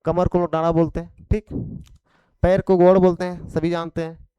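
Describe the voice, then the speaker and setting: A man's voice: high voice, little pitch movement, a little fast, warm tone, clean tone, no echo, low-quality recording. A man with a Khortha accent teaching an exam prep vocabulary lesson, repeating each point and checking in after it.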